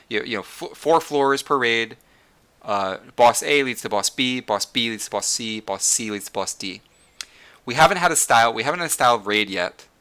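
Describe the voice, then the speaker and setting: A man's voice: mid-range voice, pushed and bright. A man hosting a casual gaming discussion, rambling with many fillers and restarts, saying he is losing his voice. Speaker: podcast host.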